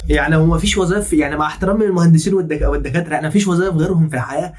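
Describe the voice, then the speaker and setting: Man, Egyptian accent, reaction host, sarcastic, rapid-fire. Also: a little high, a little mellow. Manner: mocking, teasing. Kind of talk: casual sarcastic commentary.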